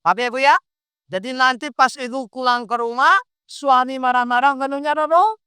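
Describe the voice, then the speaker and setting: Guy preaching to a crowd, bright clear voice, keeps firing questions at them, dry sound. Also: very high voice, moderate pace, no echo. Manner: animated, quizzes the audience with questions. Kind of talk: lively interactive sermon.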